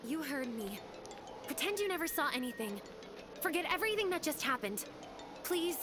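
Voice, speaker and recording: High-pitched, flustered anime schoolgirl. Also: very animated, moderate pace, over music. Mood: embarrassed. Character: easily scared, flustered teenage schoolgirl hiding her fear. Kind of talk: anime video game voice acting.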